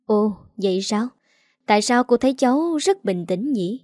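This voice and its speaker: A woman voicing a poised older wealthy woman who speaks calmly and teasingly. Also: a little high, no room sound, clean studio sound, lightly acted. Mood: coolly teasing. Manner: calm, teasing, unhurried.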